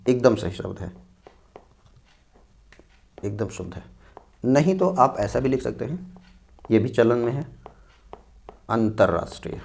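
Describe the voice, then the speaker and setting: This male teacher sounds mid-range, creaky and mellow as he runs an exam-focused Hindi spelling lesson. Speaking with a North Indian Hindi accent, he moves slowly, repeats every word, explains it step by step, and punctuates his points with "dekhiye" and "theek hai."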